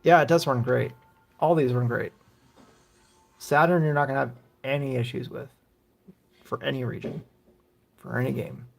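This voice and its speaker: A middle-aged man streaming old console games live, chatting in a loose, rambling way with casual swearing. His voice has a gravelly edge of vocal fry. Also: mid-range voice, fairly even intonation, moderate pace, long pauses. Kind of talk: casual gaming commentary.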